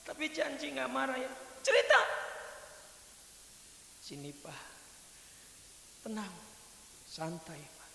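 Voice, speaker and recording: A sly, flustered young woman played by a male preacher whines and pleads in a squeaky, raised voice. The sound is bright with a gravelly edge. It rings through a large hall with long reverb. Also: sing-song, slow pace, long pauses, exaggerated voice. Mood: sly pleading. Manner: whiny, high, pleading. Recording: echoey hall, faint hiss.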